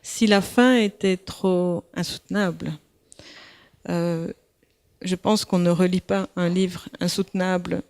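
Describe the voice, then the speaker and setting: A woman's voice: fairly low pitch, fairly even intonation, a little slow, a little mellow. A woman, an author answering questions hesitantly. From Belgium. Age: 50s. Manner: hesitant, frequent "euh". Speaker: author and illustrator.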